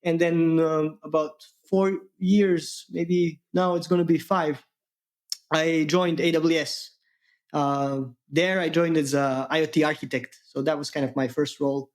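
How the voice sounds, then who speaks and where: A man from Serbia, a guest engineer talking shop in a halting way, with many fillers. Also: on the high side, fairly even intonation. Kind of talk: casual tech interview.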